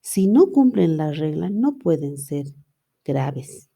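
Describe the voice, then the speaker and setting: A woman's voice: low voice, sing-song, slow pace, creaky, dark tone. A middle-aged woman giving a university lecture on spelling, explaining step by step and asking rhetorical questions she answers herself. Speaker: university language teacher. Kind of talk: lecture reviewing student assignments.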